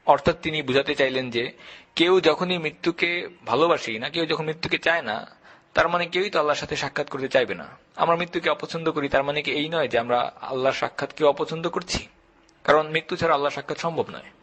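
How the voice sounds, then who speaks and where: A man giving an earnest, measured religious lecture, stressing his points through repetition. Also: on the high side, fairly bright tone. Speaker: Islamic lecturer.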